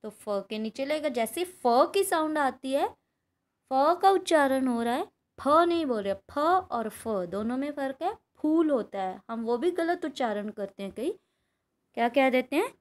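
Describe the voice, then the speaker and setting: A woman's voice: high voice, animated, a little slow. A woman teacher giving a Hindi grammar lesson, explaining patiently and asking the class questions.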